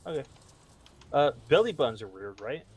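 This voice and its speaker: A man's voice: mid-range voice, big pitch swings, moderate pace, darkish tone, a little hiss or hum. Rambling man reading his notes. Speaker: podcast co-host. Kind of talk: casual chat.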